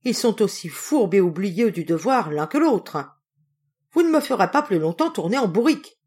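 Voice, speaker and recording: Woman doing an angry old storybook tailor, lively exclamations. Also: on the high side, moderate pace, voice pushed up. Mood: furious. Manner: exclaiming, scolding. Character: old tailor, quick-tempered and indignant.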